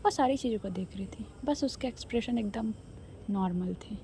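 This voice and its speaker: A woman storyteller who narrates in a casual, chatty way and corrects herself as she goes. Her voice is deeply mellow and dark in tone while sitting a little high, with a faint hiss behind it. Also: moderate pace.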